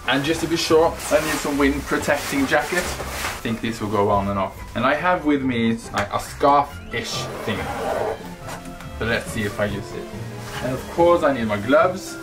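A young Norwegian man with a Norwegian accent chats playfully in a casual vlog, first inside a wooden cabin and then out in the snowy mountains. His medium-pitched voice is animated and moderately paced over music. He is chatty and laughs often.

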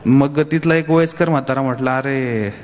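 A man's voice: medium pitch, fairly even intonation, normal speed. A man giving a talk to young people at a summit, telling his own story in a plain, hesitant way with many fillers. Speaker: guest speaker at a youth summit. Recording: echoey hall, faint hiss.

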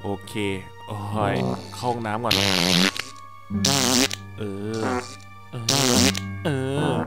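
A man voices his cartoon's main character in a chatty, joking way, often talking to himself. His pitch sits in the middle range, and music plays clearly behind him. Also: flat delivery, very slow. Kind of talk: comic dubbed cartoon narration. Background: background music.

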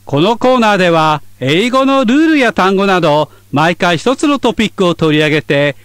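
A man teaching English on a radio lesson, explaining clearly in scripted narration. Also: high voice, no room sound. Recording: dry studio sound.

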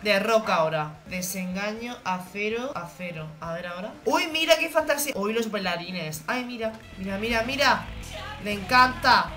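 A woman with a Spain Spanish accent giving excitable let's-play commentary, full of squealing exclamations. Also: mid-range voice, moderate pace. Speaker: gaming YouTuber. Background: game music.

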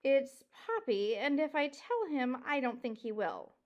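A woman's voice: high voice, sing-song, measured pace, muffled recording. A woman voicing a timid, polite young female deer mouse in a storybook, earnest and pleading, with a faint, faltering manner. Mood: faint, meek. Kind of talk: storybook character reading.

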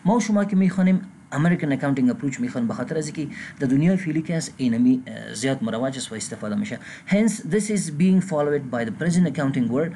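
A man with an Afghan Dari accent gives a recorded accounting lecture, reading English terms slowly and pausing with filler sounds. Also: on the high side, expressive, mellow, slight background noise. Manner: frequent filler sounds and restarts. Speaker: accounting instructor.

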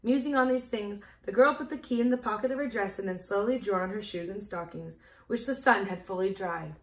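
A woman hosting a children's show, reading a storybook aloud in a clear, expressive way. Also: medium pitch, fairly quick. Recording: roomy echo.

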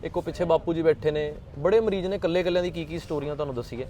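Fast, consoling charity host. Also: male voice, a little high, dark tone. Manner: consoling, reassuring. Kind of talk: on-the-street charity interview.

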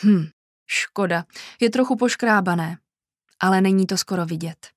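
A woman reading a gentle young mother. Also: mid-range voice, no echo, studio quality, natural voice. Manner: soothing, gently scolding.

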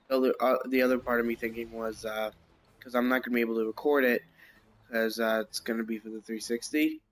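A man's voice: mid-range voice, a bit bright, a little hiss or hum. Young man rambling over racing gameplay. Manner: rambling, reacts aloud to the race. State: has the hiccups. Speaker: gameplay commentator. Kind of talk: casual let's-play commentary.

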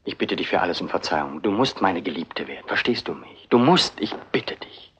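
A man's voice: low voice, lively intonation, a little fast, a bit bright, slight background noise. An actor playing a jealous, domineering young actor who presses a woman with threats and pleas, in a German film dub. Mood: pleading. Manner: pressing, threatening, then pleading. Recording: dull lo-fi film soundtrack.

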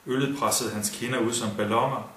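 A man reading a story aloud in an even storytelling delivery, with joking asides. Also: mid-range voice, slight background noise. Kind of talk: scripted narration. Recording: roomy, distant mic, faint ambience.

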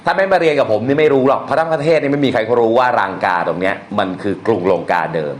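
In an echoey room with faint background noise, a man gives a casual lecture on Thai poetry, speaking bluntly with slang and crude words and reciting verses aloud. His mid-range voice is sing-song and he talks at a racing pace.

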